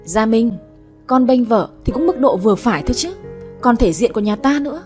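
A woman voicing a stern old grandmother who rules the family, speaking in a sharp, scolding tone. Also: a little high, expressive, fairly quick, soft background music, lightly acted.

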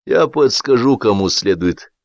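A man reading an audiobook, voicing a grumpy, suspicious older male official who talks gruffly and irritably. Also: lowish voice, lively intonation, measured pace, dry recording, lo-fi sound. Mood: irritable.

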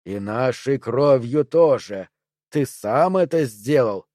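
A man voicing parasitic triangles living inside a body, speaking slowly and insistently, urging calm and then murder. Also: no room sound, studio quality. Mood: coaxing. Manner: slow, low, coaxing and insistent. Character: parasitic triangles, a many-voiced thing coaxing murder.

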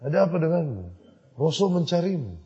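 A male preacher delivers a sermon in a somewhat high, husky voice, telling stories and acting out the dialogue between figures. He swings between quiet asides and loud, emphatic peaks. The recording sounds dull and lo-fi, with a long hall reverb behind him. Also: big pitch swings, fairly quick. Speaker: Islamic preacher.

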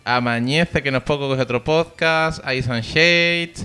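Bright, clear man from a Spanish podcast. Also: on the high side, unhurried. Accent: Spain. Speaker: podcast co-host. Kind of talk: casual comic chat, reading listener mail.

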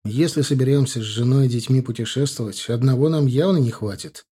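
A man's voice: medium pitch, a little fast, warm tone, husky, natural voice. A man voicing an easygoing, helpful friend in an audiobook.

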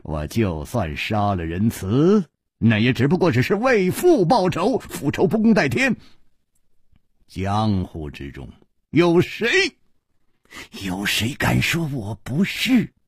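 A man voicing a proud, cornered male gang chief who laughs mockingly and drawls low and slow. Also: big pitch swings, breathy edge, no echo, clean studio sound, heavily acted. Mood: defiant.

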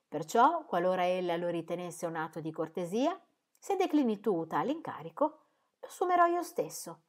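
A woman reading as a dry, ironic gentleman. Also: lowish voice, animated, normal speed, natural voice. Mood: wry. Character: dry ironic older gentleman, teasing husband.

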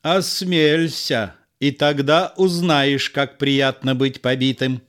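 A man's voice: medium pitch, fairly even intonation, slow, fairly bright tone, smooth. A man voicing a bold, swaggering swordsman-poet who threatens and mocks in verse. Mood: mocking. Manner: scornful, threatening, mocking politeness.

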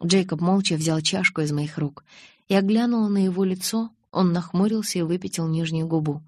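A woman narrating an audiobook in the first person, with a lively, expressive way of reading the dialogue. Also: lowish voice, normal speed, no room sound, studio quality.

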